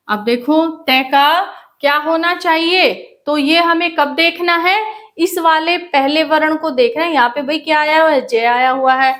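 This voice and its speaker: Slow, high-voiced woman teaching grammar. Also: a bit bright. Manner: slow, repeating questions to students. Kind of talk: whiteboard grammar lesson.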